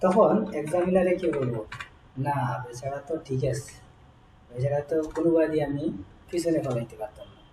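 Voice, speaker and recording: A man talks through a casual spoken lesson as an English test tutor. His voice is mellow and a little dark. He is picked up from a distance in a room that echoes. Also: on the high side, a little hiss or hum. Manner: thinks aloud, repeats English phrases slowly while writing. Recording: roomy, mic at a distance.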